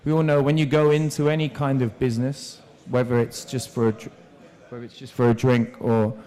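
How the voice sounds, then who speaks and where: On a panel in a seminar room, a restaurant owner speaks earnestly about his staff and wine sales. His medium-pitched voice is warm and level, moving fairly quickly, with a few restarts along the way.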